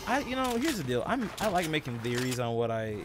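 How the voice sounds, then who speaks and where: A man in his twenties hosting a casual gaming podcast while streaming, animated and laughing, swinging between loud exclamations and quiet asides. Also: fairly high pitch. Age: 20s. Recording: noisy game audio behind.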